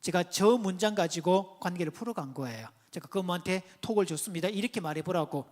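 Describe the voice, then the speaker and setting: Speaking fast in a high, slightly mellow voice with lively intonation, a man gives a parenting seminar lecture in a church hall. He keeps it conversational, quizzing the audience, sharing counseling stories, and gesturing at his slides.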